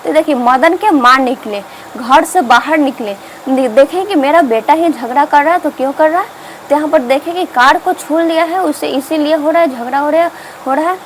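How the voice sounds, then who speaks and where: A woman's voice: sits high, moderate pace, a little hiss or hum, rough recording. A woman teacher explaining a story to students, asking herself questions and answering them. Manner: repetitive, asks and answers its own questions.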